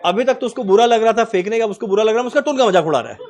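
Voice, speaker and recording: Brief: male teacher, forties, fairly high voice, explains through animated anecdotes. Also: very fast, a little hiss or hum. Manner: animated anecdotes, acts out dialogue. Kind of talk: classroom lecture with storytelling.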